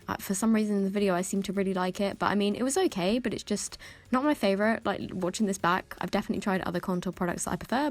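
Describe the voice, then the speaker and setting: A young British woman with a slight lisp from wearing a retainer, chatting casually and self-deprecatingly to camera in a makeup review. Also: mid-range voice. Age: young adult. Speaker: beauty vlogger. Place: small decorated room indoors.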